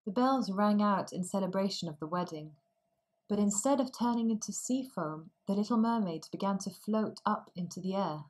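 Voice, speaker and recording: A woman narrating a fairy tale slowly and clearly for language learners. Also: medium pitch, darkish tone, rough recording. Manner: slow, clearly articulated. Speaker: storyteller.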